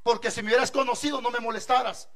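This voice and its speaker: Man doing a mouthy quarrelsome church lady, threatening, high bright voice. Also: fairly even intonation, quick pace. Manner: threatening, defiant.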